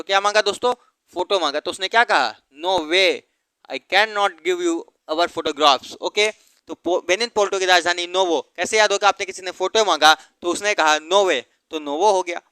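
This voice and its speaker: A man's voice: high voice, bright, forceful tone, clear, resonant tone, no room sound. A man teaching geography through memory tricks, asking questions and then answering them himself. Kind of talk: mnemonic geography lesson.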